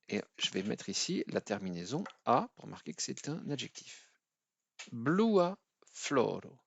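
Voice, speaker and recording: Man from France, low gravelly voice, hesitant teacher, dry close sound. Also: no echo, highs cut off. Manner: hesitant, many pauses and fillers; slow, careful spelling-out of example words. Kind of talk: explaining at a whiteboard.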